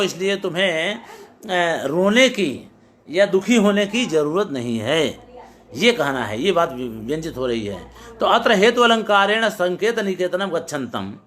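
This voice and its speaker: A man's voice: high-pitched, fairly bright tone. A middle-aged male teacher lecturing on poetics, reciting classical verses and explaining them line by line.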